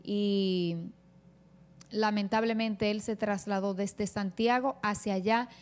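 A woman's voice: medium pitch, steady tone, slow, a little mellow, smooth. A woman from the Dominican Republic hosting a live TV panel, earnestly explaining at length and growing indignant. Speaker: TV talk show host.

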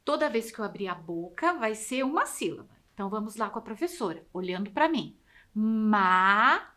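A Brazilian woman teacher giving a lesson to children, spelling words out slowly and sounding out syllables with exaggerated care. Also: medium pitch, sing-song, fairly bright tone. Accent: Brazilian Portuguese. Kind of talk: slow, drawn-out classroom instruction for children.

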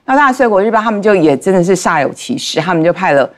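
A woman on a talk show telling a case story in lively detail, acting out the people she quotes. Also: fairly low pitch, rapid-fire. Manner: animated, acts out quoted dialogue. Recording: studio with background music.

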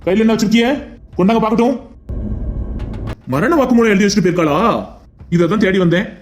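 Cartoon police officer, a man doing the voice, questioning bluntly, brisk. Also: sits high, a little hiss or hum, close to an everyday voice. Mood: stern. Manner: curt, questioning. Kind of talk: Tamil cartoon voice acting.

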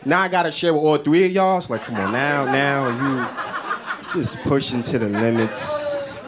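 A man from the Bronx, doing a stand-up set in an animated, exclamatory way full of street slang. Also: mid-range voice, normal speed, crowd noise, background noise. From the Bronx, New York. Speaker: stand-up comedian. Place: stage before a live audience. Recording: live stage with audience laughter.

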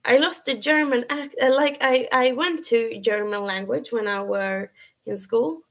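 A young Swedish woman with a high, feminine voice and a Swedish accent livestreams from her bedroom on a webcam. Talking a little slowly, she chats casually and answers viewers, her speech full of fillers and restarts.

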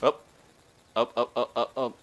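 A man's voice: medium pitch, level tone, measured pace, fairly bright tone, a little hiss or hum. A man chatting over in-game voice while playing a shooter, joking, trash-talking and breaking into silly singing. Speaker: gamer doing in-game voice chat. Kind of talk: casual game chat.

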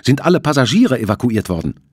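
A man's voice: mid-range voice, very animated, fast talker, husky, no room sound, clean studio sound, pitched above the performer's own voice. A man voicing a shaken male ship owner who urgently insists over the radio, in an audiobook. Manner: agitated, insistent.

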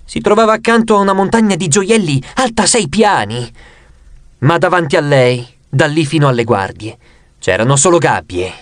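A man's voice: moderate pace, dry recording, studio quality. A man reading an audiobook aloud, narrating expressively and raising his voice for the characters' lines. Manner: expressive, raises pitch for quoted lines.

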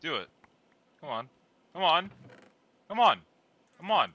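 A man with a very bright, forceful voice gives quick callouts during a game. He sounds frustrated, and his pitch jumps around a lot. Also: sing-song, no room sound. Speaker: gamer. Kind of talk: casual game chat.

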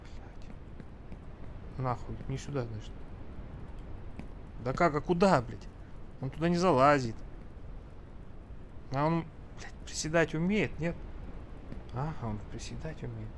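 A man's voice: on the high side, unhurried, long pauses, a little hiss or hum. A man doing casual gameplay commentary as a raging gamer, irritable, grumbling and swearing. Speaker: gamer recording a first-look playthrough. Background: video game ambience.

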